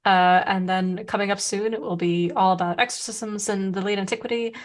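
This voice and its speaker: Talking briskly with fairly even intonation at a medium pitch, this Serbian podcast co-host, a native Serbo-Croatian speaker, keeps things casual and chatty. She often restarts sentences and fills pauses.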